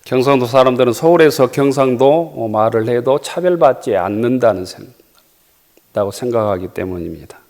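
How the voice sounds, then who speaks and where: Man, pastor, sermon, measured scripture reading, hesitant fillers. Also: mid-range voice, animated, a little mellow.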